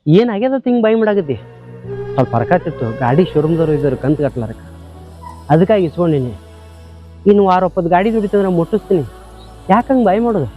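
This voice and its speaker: A man's voice: fairly high pitch, fast talker, mellow, natural voice. A man playing a defensive tractor driver with a North Karnataka accent. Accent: North Karnataka Kannada. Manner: defensive, pleading. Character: indebted young tractor driver, defensive lover. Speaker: tractor driver in a village drama. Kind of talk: short-film acting. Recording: slightly dull audio, faint music.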